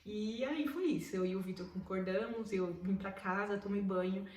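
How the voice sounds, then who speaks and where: This young Brazilian vlogger, whose accent is Brazilian Portuguese, has a medium-pitched, darkish voice at a moderate pace. Telling a personal story to camera, she's casual and emotional and repeats words for emphasis, with a far-off mic catching room echo.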